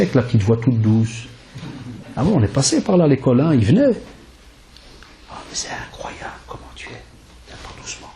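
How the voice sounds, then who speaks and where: A male preacher giving a sermon in a lively, conversational way, full of rhetorical questions and Arabic religious phrases. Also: medium pitch. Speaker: preacher and lecturer.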